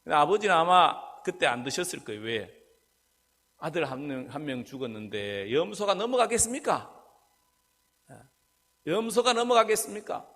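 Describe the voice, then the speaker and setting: A man's voice: fairly high pitch, brisk. A male pastor preaching a sermon, asking his listeners questions and answering them himself. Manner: rhetorical questions, lively and animated. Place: church sanctuary. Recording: long church hall reverb.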